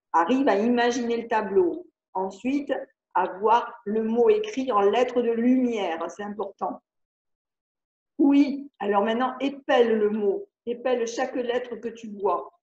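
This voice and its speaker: An older woman, a speech therapist, explaining spelling exercises in a video conference, slowly spelling out syllables and letters. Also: a little high, darkish tone. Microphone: video call. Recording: echoey, dull video call audio.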